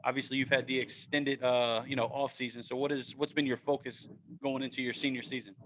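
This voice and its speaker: A man's voice: medium pitch, level tone, a little fast, a bit bright, a little hiss or hum. A man hosting a casual sports podcast, upbeat and encouraging, often tagging "man" and "right?" onto his sentences. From Maryland, USA. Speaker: podcast host.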